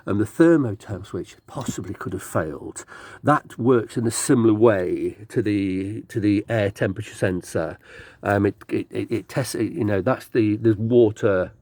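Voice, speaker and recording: A man filming his own car repair on a cold morning, halting and stuttery from shivering, thinking aloud with many restarts. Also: fairly low pitch, darkish tone, dry recording. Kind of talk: rambling hands-on car repair vlog.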